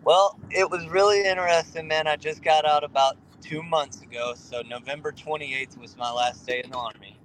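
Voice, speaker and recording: A man's voice: fairly high pitch, steady tone, normal speed, few pauses, fairly bright tone, slight background noise, low-quality recording. A sociable, laid-back man from Louisiana with a faint Southern accent, chatting casually as a podcast guest. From Louisiana, United States. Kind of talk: casual chat.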